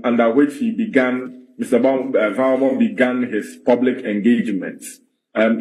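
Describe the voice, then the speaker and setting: A man with a Ghanaian accent giving legal analysis in an interview, formal and measured, with hesitant phrasing. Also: medium pitch, darkish tone. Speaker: legal commentator. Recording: roomy, echoing interview audio.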